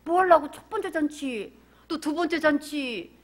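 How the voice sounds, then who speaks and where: A woman pastor delivering a sermon in an animated way, acting out characters and asking the congregation questions. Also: sits high, unhurried.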